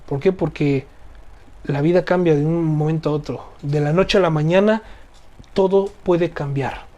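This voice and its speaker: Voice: medium pitch, normal speed, dark tone, dull audio. Earnest Bible study teacher. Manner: earnest, repeats phrases, asks rhetorical "¿no?".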